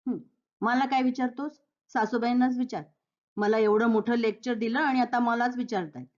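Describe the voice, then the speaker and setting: A woman's voice: on the high side, fairly even intonation, moderate pace, muffled recording, natural voice. A woman voicing a hurt, defiant young daughter-in-law who answers back sharply, in a Marathi play reading. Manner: sharp retorts.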